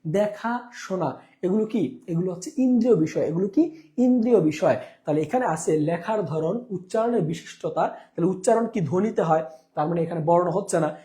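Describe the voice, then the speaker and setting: A man's voice: sits high, expressive, a little fast, mellow. A man teaching an exam-prep lesson, repeating key terms and asking questions back to his students.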